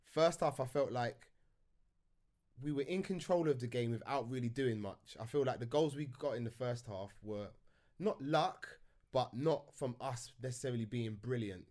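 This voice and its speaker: A man's voice: mid-range voice, moderate pace, darkish tone. A man hosting a casual football podcast, chatty and often asking "you know what I mean". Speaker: podcast host.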